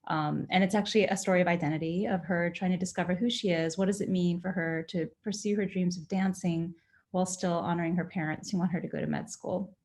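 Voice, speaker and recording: A woman novelist from the United States giving a clear, organized introduction on a panel. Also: fairly low pitch, fairly even intonation, quick pace, darkish tone. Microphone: video call.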